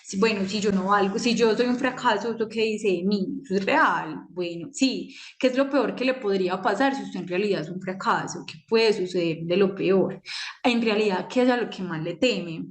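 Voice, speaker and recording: A woman's voice: mid-range voice, normal speed. A young adult woman, a psychologist giving a conversational talk on managing anxiety and asking many rhetorical questions. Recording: echoey room.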